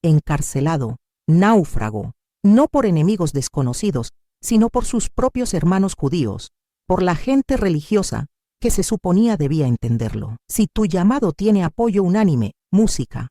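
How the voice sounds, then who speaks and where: A woman's voice: fairly low pitch, very animated, moderate pace, mellow, no room sound, clean studio sound. A woman giving scripted devotional narration, preaching in a dramatic, emphatic way.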